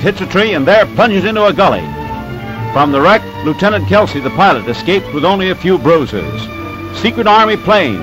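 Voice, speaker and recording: A man narrating an old newsreel in a brisk, emphatic announcer delivery. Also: sits high, rough recording.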